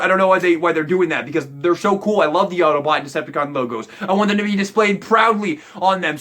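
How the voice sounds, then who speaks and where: A young man giving an excitable, rambling toy review, swearing casually as he walks through each step. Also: sits high.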